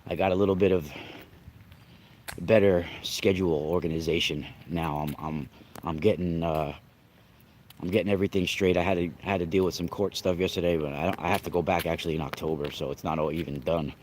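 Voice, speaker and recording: Congested, coughing and a bit nasal from a cold, this young man livestreams as host and spiritual reader, rambling, restarting frequently and saying hello to chat viewers. His low-pitched voice stays steady and darkish, moving a little fast over a little hiss or hum.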